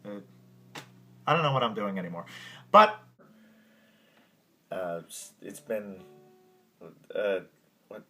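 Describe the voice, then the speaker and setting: Fairly low-pitched and sharp in tone, this man sounds animated but takes it slowly and pauses often. He's a music podcast host teaching at the piano, and in these casual outtakes he trips over his words, laughs at himself and swears quietly, with his own piano or guitar playing in the background.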